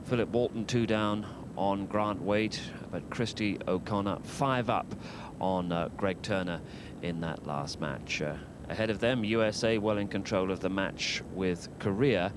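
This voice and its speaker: Deep male sports presenter doing golf scores, measured with pauses, noisy rumbly background. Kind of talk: golf results round-up.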